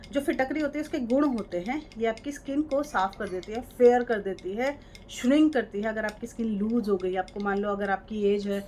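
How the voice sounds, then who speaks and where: Chatty woman demonstrating a home remedy. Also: a little high. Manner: chatty, repeats "ठीक है" and "ये देखो". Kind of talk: casual how-to demonstration. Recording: light background noise.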